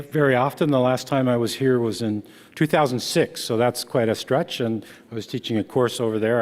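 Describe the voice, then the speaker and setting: A man in his sixties from Ontario, Canada, whose first language is Dutch, gives a book reading talk as an author and speaker. His medium-pitched voice carries a long reverb tail, and his conversational delivery halts with repeated restarts.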